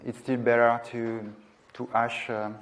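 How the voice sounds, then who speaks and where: A man in his thirties gives a technical presentation at a conference in a lecture room. He speaks hesitantly, searching for words, in a medium-pitched voice that is flat and unhurried.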